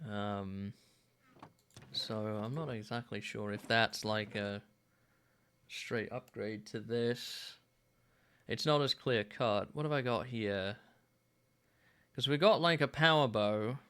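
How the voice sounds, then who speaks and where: A man in his thirties streaming a game, musing aloud in a relaxed way with plenty of fillers. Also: lowish voice, slow pace, pauses often, clean tone. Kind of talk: casual gameplay commentary.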